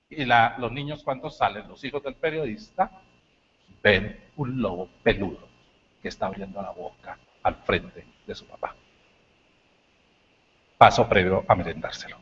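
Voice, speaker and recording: A man giving a university lecture, telling stories with animated, shouted bits. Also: mid-range voice, highs cut off. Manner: animated storytelling, shouts acted lines. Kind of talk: lecture talk.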